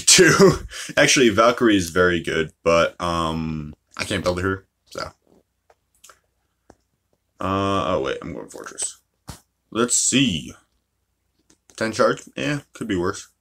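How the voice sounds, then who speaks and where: Low-voiced man ranting over a game. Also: a bit bright. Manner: chatty, swears freely, ranting. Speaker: mobile game player. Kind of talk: casual gameplay commentary.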